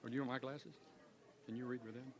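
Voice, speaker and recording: A man in his seventies emceeing a class reunion in a school cafeteria, calling raffle numbers slowly in a folksy, joking way. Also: medium pitch, little pitch movement, crowd noise. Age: 70s. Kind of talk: casual event announcing.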